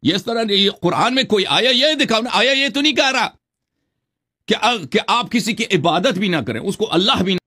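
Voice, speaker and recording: A man argues insistently in a heated religious debate, cutting in and slowing down to recite verses. His voice is high and bright. It has a forceful edge. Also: lively intonation. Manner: insistent, argumentative, recites scripture slowly.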